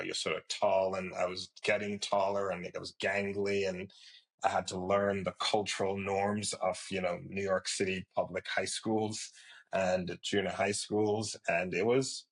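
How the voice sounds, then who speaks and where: A middle-aged man from Jamaica, a company founder giving a podcast interview. He speaks in a measured, reflective way, with frequent fillers. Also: low voice, flat delivery, gravelly, fairly bright tone, low-quality recording.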